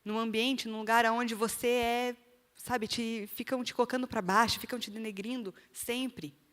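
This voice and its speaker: A woman's voice: a little high, fairly even intonation, moderate pace, a bit bright. A woman with a Brazilian accent giving an earnest church testimony in sermon style, speaking straight to the listeners. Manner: earnest, direct appeals to the listener. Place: church hall. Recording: long reverb of a church hall.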